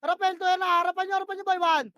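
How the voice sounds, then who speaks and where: A woman's voice: very high voice, steady tone, very fast, a bit bright, no echo. A woman leading her team in a shooter match, barking short repeated commands and swearing when frustrated. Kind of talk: rapid in-game voice comms.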